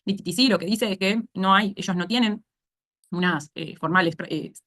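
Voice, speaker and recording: Her voice is mid-range and fairly bright, at a moderate pace, with a Rioplatense Spanish accent. Lecturing in an online speech therapy course, she walks through the material step by step and frequently asks "¿sí?" to make sure students follow.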